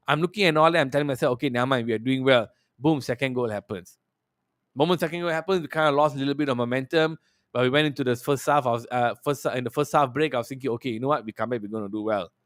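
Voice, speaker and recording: A man giving a casual, animated match reaction as a football fan, telling it emphatically in a conversational way. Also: mid-range voice, no echo, studio quality.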